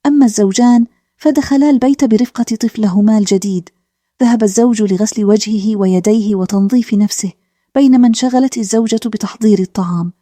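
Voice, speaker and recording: Dark-toned woman telling a bedtime story. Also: fairly high pitch, no echo. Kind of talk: calm bedtime story narration.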